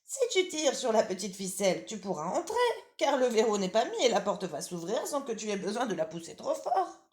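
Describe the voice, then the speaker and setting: A woman's voice: mid-range voice, sing-song, fairly quick, darkish tone, pitched above the performer's own voice, lightly acted. A woman doing a frail chatty old granny. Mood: doting. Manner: chatty, with little laughs. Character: frail, tired old grandmother, kind and chatty. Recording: roomy echo.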